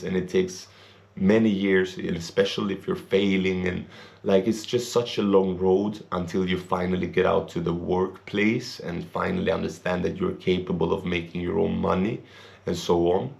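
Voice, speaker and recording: A man's voice: deep voice, little pitch movement, moderate pace, gravelly, a little mellow. A young man, an English speaker born and raised in Sweden, giving an earnest, rambling opinion monologue for his vlog. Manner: earnest, rambling, non-native grammar. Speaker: vlogger.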